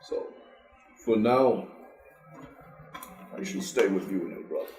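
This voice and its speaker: A man playing a proud, stern half-orc warrior in a tabletop game, speaking formally, deliberately and with emphasis. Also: fairly low pitch, a little mellow, close to an everyday voice. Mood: measured pride. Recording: roomy echo, music behind.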